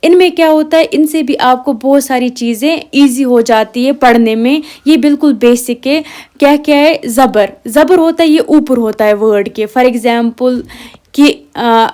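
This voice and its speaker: Patient woman teaching letters slowly. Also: high voice, darkish tone. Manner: patient, repeats words slowly, mixes English words into Hindi. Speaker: Urdu language teacher. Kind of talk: exam-prep lesson, explaining letters step by step.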